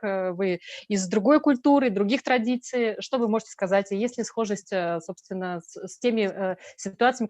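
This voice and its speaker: A woman's voice: medium pitch, no echo. A woman moderating a forum live, addressing a guest and asking for impressions.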